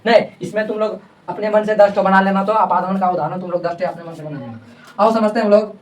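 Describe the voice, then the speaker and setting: A woman's voice: medium pitch, fast talker. Woman teacher drilling pupils, distant mic. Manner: repetitive call-and-response questioning. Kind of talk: classroom grammar lesson. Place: coaching classroom with pupils.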